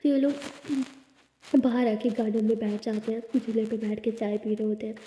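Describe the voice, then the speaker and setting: A woman narrating a romance story in a relaxed, chatty retelling. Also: fairly high pitch, normal speed. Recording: echoey room with long reverb.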